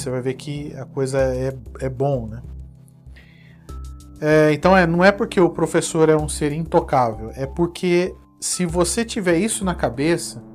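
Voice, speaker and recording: A man with a Brazilian accent giving a casual spoken lesson in a conversational way, often ending phrases with a questioning tag. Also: a little high. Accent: Brazilian Portuguese. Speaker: teacher giving advice on online courses.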